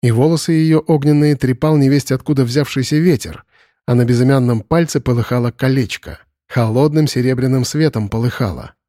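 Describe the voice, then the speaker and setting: A male narrator reads a dark fantasy audiobook in a measured, dramatic way. His voice is mellow and dark, at a middle pitch. The recording is dry and close. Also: no room sound.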